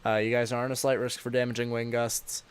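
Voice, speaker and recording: A man with a sore throat giving casual, unscripted live weather commentary as a livestream host, halting and informal. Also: medium pitch, level tone, smooth. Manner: informal, halting, addressing viewers as y'all.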